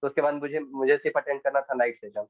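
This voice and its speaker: A man's voice: mid-range voice, steady tone, fast, no room sound. A teenage boy from India answering interview questions in a hesitant way, with restarts and English phrases mixed in, over a video call. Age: teens. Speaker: interview guest, exam candidate. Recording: tinny dry phone-like line.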